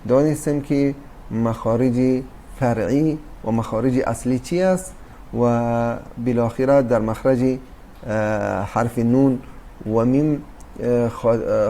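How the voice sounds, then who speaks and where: In a recorded Quran recitation lesson, a man with a mellow, medium-pitched voice explains things patiently, using fillers and restarting sentences. He calls his listeners "dear brothers and sisters."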